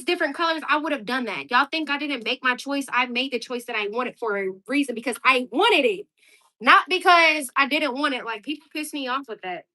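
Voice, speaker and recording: A woman's voice: sits high, sharp tone, rough recording. A young woman at home on a livestream, cursing and confronting commenters, sometimes calling out to her kids. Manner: profane, confrontational toward commenters; calls out to kids around the house. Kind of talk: ranting livestream chat.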